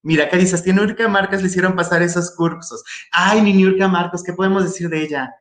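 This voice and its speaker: A man's voice: high-pitched, steady tone, a little fast, fairly bright tone. A man with a Mexican accent, a guest in a casual chat, opinionated and critical, using local slang. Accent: Mexican Spanish. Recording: echoey room.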